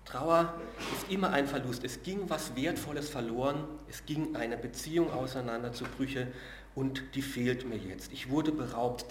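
Prediger in hallendem Saal. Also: male voice, medium pitch, roomy sound, a little hiss or hum. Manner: earnest, slows and drops to a hush on key words; uses filler sounds between phrases. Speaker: preacher. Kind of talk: sermon.

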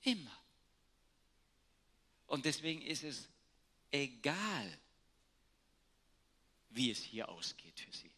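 Guy giving a sermon, bright forceful voice, goes quiet then loud for emphasis. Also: medium pitch, very animated, takes it slowly, long pauses, husky. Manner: storytelling, shifting between hushed and raised emphasis. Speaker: preacher.

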